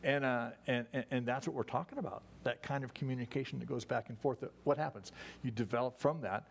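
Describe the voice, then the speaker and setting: A man's voice: mid-range voice, a little fast, gravelly, slightly rough. A man preaching a sermon to his congregation in a folksy, conversational way, often restarting his sentences. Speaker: pastor. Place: church service.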